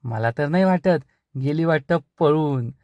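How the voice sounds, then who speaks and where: A man's voice: fairly high pitch, unhurried, dark tone, no echo, studio quality. A man doing a jeering village aunt. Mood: taunting. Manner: mocking, gossiping. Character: sharp-tongued village aunt, woman, taunting.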